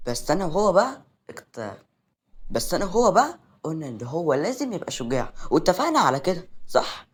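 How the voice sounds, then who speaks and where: A man's voice: on the high side, very animated, fast talker, husky. A man voicing a caring young sister in an Egyptian accent, in a read-aloud story. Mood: gentle.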